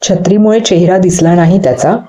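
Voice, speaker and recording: A woman's voice: fairly low pitch, fairly even intonation, brisk, dark tone, natural voice. A woman reading the part of a carefree older brother who teases his younger sibling in a playful, mocking way. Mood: casual.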